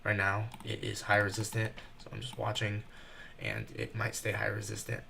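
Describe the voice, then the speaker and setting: A nervous young man giving fast live commentary while trading, thinking out loud and rushing his words. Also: on the low side, flat delivery, gravelly, very noisy. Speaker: day trader streaming live.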